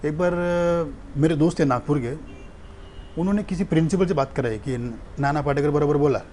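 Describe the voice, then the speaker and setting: A man's voice: fairly high pitch, normal speed, slight background noise. A man, a stand-up comedian and mimic, telling stories animatedly in a casual interview. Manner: animated storytelling.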